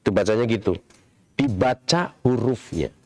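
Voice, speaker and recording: A middle-aged man giving a Quran commentary lecture in a large mosque, explaining slowly and quizzing his audience. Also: fairly low pitch, animated, mellow. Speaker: mosque preacher.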